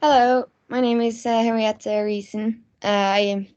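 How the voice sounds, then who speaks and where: A young woman, a student panelist, speaking hesitantly with many pauses. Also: a little high, steady tone, a little mellow. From Norway. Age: young adult. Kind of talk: casual panel answer. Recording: slightly dull call audio.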